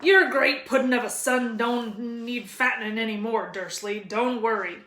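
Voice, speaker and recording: Storybook giant man played by a woman: hearty, booming, rustic and quick-tempered, in a roomy space. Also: bright, forceful tone. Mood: hearty, friendly. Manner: booming, rustic dialect speech. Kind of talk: children's storybook read-aloud. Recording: roomy echo.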